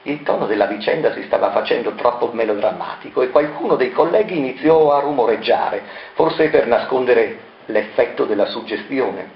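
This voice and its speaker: A man reading a dark, ironic story aloud in a measured, expressive way. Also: mid-range voice, gravelly. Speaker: narrator. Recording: dull roomy recording, faint noise.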